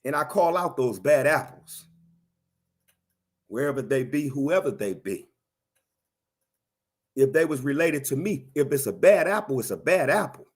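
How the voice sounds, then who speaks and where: A man giving animated, emphatic commentary and answering viewers, driving his points home with repeated phrases. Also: mid-range voice, measured pace, long pauses, breathy edge. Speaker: commentator on a livestream.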